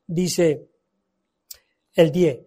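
A man preaching a fervent sermon, reading scripture aloud and swinging from loud emphasis to soft pleading. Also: a little high, extremely slow, breathy edge.

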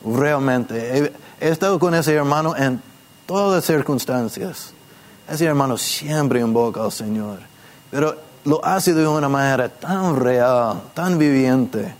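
A man teaching a church gathering in a conversational way, asking listeners questions and gently demonstrating how to pray. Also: medium pitch, takes it slowly. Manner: patient, asks questions and demonstrates prayers softly.

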